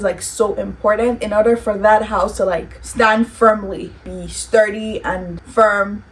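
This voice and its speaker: A young woman chatting casually on her vlog, giving advice and checking in with "okay?" often. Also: medium pitch. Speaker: vlogger. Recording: distant mic with faint room noise.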